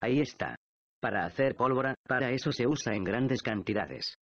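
A man's voice: mid-range voice, lively intonation, normal speed, no echo, natural voice. Víctor, an eager detective read by a man. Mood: decisive. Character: male detective, thoughtful and excitable investigator. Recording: dull, dry lo-fi audiobook recording.

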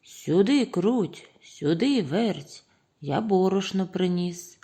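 A patient, hardworking little rooster from a children's storybook, calling out to friends or speaking in a calm, hushed way, as a woman narrator does him. Her tone is mellow and a bit husky. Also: on the low side, takes it slowly, full character voice.

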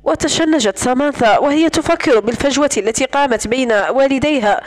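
Casting: woman audiobook narrator, high-pitched, steady literary read. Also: low-quality recording. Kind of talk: scripted narration.

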